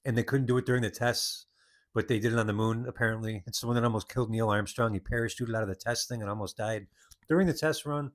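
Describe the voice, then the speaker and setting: A man's voice: mid-range voice, steady tone, fast. A man hosting a podcast, telling a story in a rambling, casual monologue with many restarts. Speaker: podcast host.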